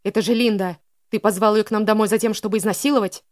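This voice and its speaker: A man's voice: high voice, fairly even intonation, quick pace, dry recording, studio quality, natural voice. A woman voicing a stern, protective older brother who gives harsh orders. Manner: harsh, commanding.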